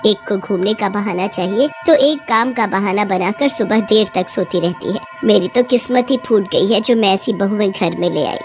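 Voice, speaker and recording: A woman voicing a bitter old mother-in-law who nags her daughters-in-law in an animated story, with faint music behind. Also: mid-range voice, moderate pace, few pauses, close to an everyday voice. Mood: scolding. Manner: sharp and nagging.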